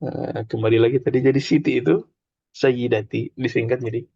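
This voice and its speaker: A man's voice: mid-range voice, steady tone, normal speed, gravelly, dark tone, slightly rough, no echo. Chatty man teaching an Arabic lesson. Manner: chatty, explains with examples and drills repetition. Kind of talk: informal classroom lesson. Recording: dull lo-fi dry recording.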